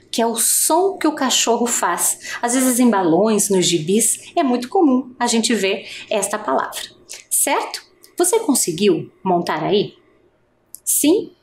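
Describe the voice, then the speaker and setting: A woman teacher leads an adult literacy lesson, slow and patient, drawing out each vowel sound. Her voice sits a little high and swings widely in pitch. A faint hiss of background noise runs underneath.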